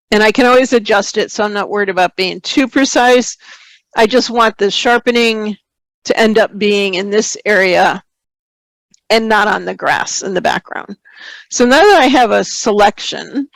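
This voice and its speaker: A woman hosts a photography webinar built around a screen-share software tutorial, her medium-pitched voice slightly hoarse as she occasionally clears her throat. She explains the steps in a relaxed way while working and reads out viewer questions. The low-quality recording has no echo.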